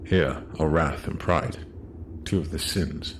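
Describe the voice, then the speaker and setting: With a bass voice, a man narrates a scripted fantasy audio drama in a measured, solemn manner. Faint noise and ambience sit in the background.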